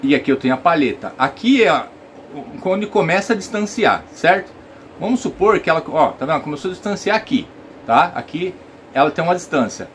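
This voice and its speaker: A man's voice: on the high side, animated, fairly quick, a little hiss or hum. A Brazilian man giving a casual saxophone lesson, explaining step by step and checking that viewers follow. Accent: Brazilian Portuguese. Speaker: saxophone teacher.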